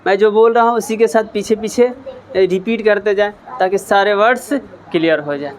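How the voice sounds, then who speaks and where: A man's voice: high-pitched, moderate pace. A man teaching English at a whiteboard, repeating each word and asking then answering his own questions. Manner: patient, encouraging learners. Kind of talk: whiteboard lesson explanation.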